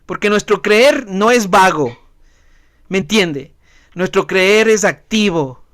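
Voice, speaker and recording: A man's voice: sits high, animated, slow pace, a bit bright, dry recording, clean studio sound. A man who is a pastor preaching a sermon, emphatic and questioning the congregation directly. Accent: Ecuadorian Spanish.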